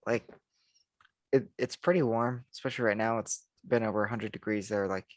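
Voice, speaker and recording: Rambling as he muses aloud, this podcast co-host keeps restarting sentences during a relaxed conversation. His voice is on the low side, fairly quick and mostly even in intonation, recorded with studio quality and no echo.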